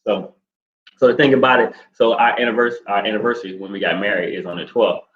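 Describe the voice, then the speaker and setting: Recorded with dull lo-fi sound in an echoey room, a co-host in his forties talks fast in a fairly low, steady voice. The conversation is a casual couple chat, and he rambles in a relaxed way, using many fillers.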